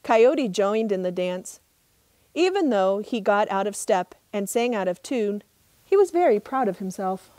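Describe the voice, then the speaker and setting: A middle-aged woman, a park ranger, reading a trickster tale as expressive, measured storybook narration outdoors. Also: mid-range voice, dry recording. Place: outdoors in open desert.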